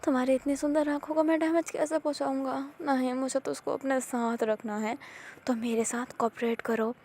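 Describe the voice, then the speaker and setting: A woman voicing an unhinged male doctor obsessed with eyes, talking in a rapid, sing-song, pleading insistence in a fan-fiction story. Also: sits high, fairly even intonation, a little mellow, slight background noise. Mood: menacing hushed.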